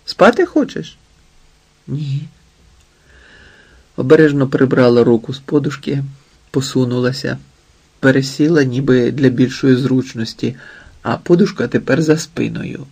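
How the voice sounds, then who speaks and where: A man reading an audiobook in a quiet, intimate, unhurried way. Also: medium pitch, fairly even intonation, breathy edge. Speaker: audiobook narrator. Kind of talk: scripted narration.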